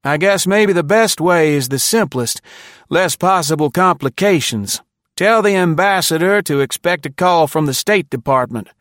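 A man reading a story aloud and voicing a brisk, paternal older army general with a gruff, clipped manner. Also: fairly high pitch, lively intonation, a bit bright, no room sound, clean studio sound, voice pushed up.

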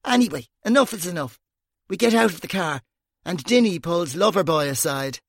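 A man's voice: high voice, expressive, moderate pace, creaky, no room sound, studio quality, voice pushed up, exaggerated voice. A man doing a brash, bawdy woman detective. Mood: gleeful. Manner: brash, crude storyteller.

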